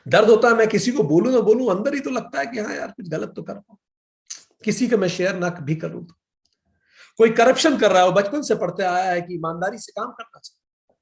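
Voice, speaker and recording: A man teaching a yoga class in a lecture style, asking his audience questions and acting out people's excuses in quoted voices. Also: high voice.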